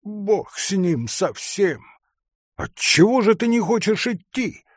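A man's voice: medium pitch, sing-song, slow, gravelly, husky, no room sound, studio quality, pitched above the performer's own voice, full character voice. A man voicing a frightened, pious old male forester who talks in a plaintive, sighing way.

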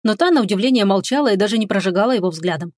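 A woman reading a fantasy novel aloud as audiobook narrator, in a measured, expressive manner. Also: mid-range voice, no echo, clean studio sound.

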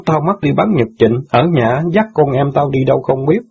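A man's voice: mid-range voice, lively intonation, moderate pace, gravelly, darkish tone, a little hiss or hum. A man voicing an angry, heartbroken young newspaper boy who pours out his grievances in an audiobook drama. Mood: aggrieved. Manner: bitter, aggrieved outbursts. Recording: dull lo-fi audio.

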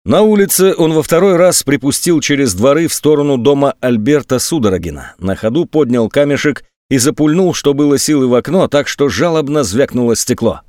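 Man, audiobook narrator, measured, tense, dramatic narration, mid pitch, dry close sound. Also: animated, a little mellow, no room sound.

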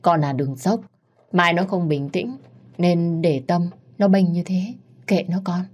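A woman's voice: on the low side, measured pace, a little mellow, highs cut off. A woman voicing a cruel older mother-in-law who scolds harshly. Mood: coaxing.

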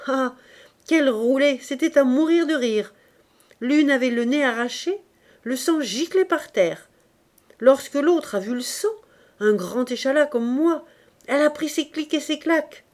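A woman reading aloud voices a tall, coarse young laundress woman with a heavy cold, speaking up louder and livelier than her narration. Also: high voice, pitched above the performer's own voice.

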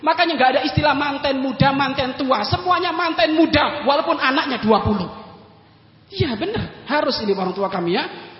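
High-voiced man preaching in an echoey hall. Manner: jokey, addresses listeners directly with quick questions; animated, swings between loud bursts and low asides. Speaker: Islamic preacher. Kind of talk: humorous sermon to a congregation. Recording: echoey hall, dull lo-fi sound.

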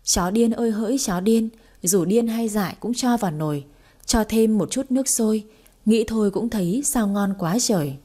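A woman reading aloud and voicing a sharp-tongued, scheming young wife who teases in singsong rhymes. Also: medium pitch, moderate pace, natural voice. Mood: mocking.

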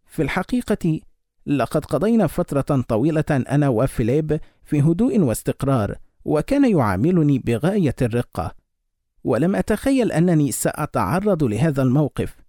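Give me a man voicing a sorrowful young married woman, held back, in a mellow tone. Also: on the high side, very animated, fairly quick, no echo, clean studio sound. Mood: troubled.

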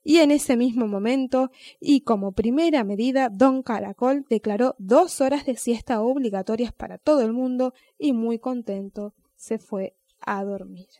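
A woman narrates a children's tale in a gentle, expressive way. Her voice sits fairly high. The recording is dry and close, with no room sound. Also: normal speed, few pauses, dry recording. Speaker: storyteller. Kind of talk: children's story reading.

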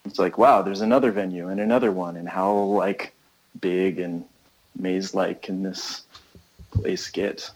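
A man's voice: deep voice, measured pace, gravelly, rough recording. An American man, a touring musician, talking casually and thinking aloud during a phone interview. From United States. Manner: rambling, relaxed, thinking aloud.

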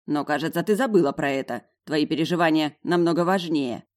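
Irritable young man in a fantasy audiobook, sharp-tongued and sarcastic, always close to losing his temper. A woman plays him in her own deep, low register. Every line comes out clipped and biting. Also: expressive, normal speed, no echo. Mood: irritated. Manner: snappish, sarcastic. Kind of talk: audiobook character voice.

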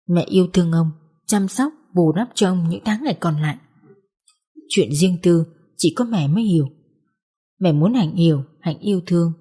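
A woman reading a social drama audiobook in a measured, dramatic storytelling manner. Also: fairly low pitch, mellow, slightly rough. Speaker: audiobook narrator. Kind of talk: scripted narration.

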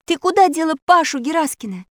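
A clever young girl from a storybook questions people sharply and insistently, as a woman reader puts her on. Her voice sits high and bounces all over the place. The recording is dry and close. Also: big pitch swings, measured pace, darkish tone, dry recording. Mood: accusing. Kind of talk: audiobook character voice.

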